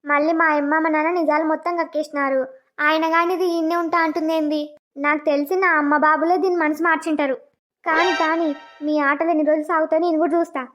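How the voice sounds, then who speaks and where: A woman's voice: high-pitched, close to an everyday voice. Woman doing a scheming, resentful young husband.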